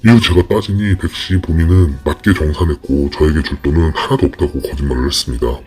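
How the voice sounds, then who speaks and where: An anonymous interviewee whose voice is disguised with a deep pitch-shift effect, reading a formal, measured account with frequent hesitant fillers. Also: a little mellow. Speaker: anonymous fraud victim interviewee.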